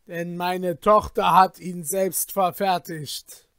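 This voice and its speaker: A proud old grand vizier from a storybook, bellowing his outrage slowly against a dry close mic, as a man reads him out. Loud and indignant, a touch higher than the reader's own voice. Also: level tone, clean tone, no room sound, heavily acted. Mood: solemn.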